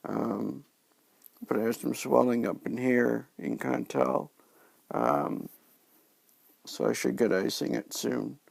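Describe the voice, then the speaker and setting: A man with a very creaky, fry-heavy voice speaks slowly into a dry, close recording. His delivery is halting and subdued, like a casual video diary, with words slightly hampered by a sore, post-surgery mouth and new dentures. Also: mid-range voice, a little mellow, no room sound. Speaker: vlogger sharing recovery from dental surgery.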